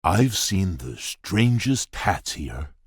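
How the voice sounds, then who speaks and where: An actor playing a courteous, shy beast prince in a video game, speaking formally and earnestly in a husky, gravelly rumble. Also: male voice, sing-song, slow pace, dry recording, studio quality, heavily acted. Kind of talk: video game character voice lines.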